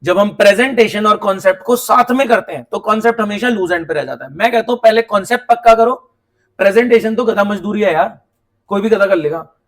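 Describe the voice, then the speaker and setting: A man teaching an accounts class, lively and talking straight to his students, acting out little dialogues. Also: high-pitched, fairly quick. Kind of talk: classroom coaching lecture. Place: coaching classroom.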